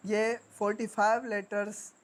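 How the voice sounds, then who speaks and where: A woman teaching grammar. She speaks deliberately and repeats each word for dictation. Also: medium pitch, little pitch movement. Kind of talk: classroom lesson.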